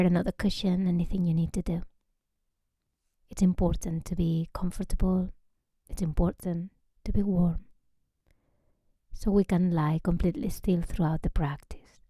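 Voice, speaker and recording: A female yoga teacher guides a relaxation meditation gently and without hurry, often softening into a breathy near-whisper. Her voice is lowish, and the studio-quality recording has no echo.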